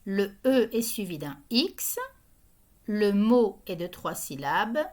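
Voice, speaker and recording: A woman hosting a language quiz, reading questions and answer options in a slow, even, scripted way. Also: mid-range voice. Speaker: quiz host.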